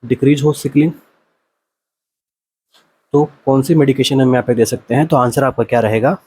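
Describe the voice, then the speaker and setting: A male nursing exam coach explaining multiple-choice answers, asking rhetorical questions, answering them himself, and reading the English options out slowly. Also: mid-range voice, mellow, husky.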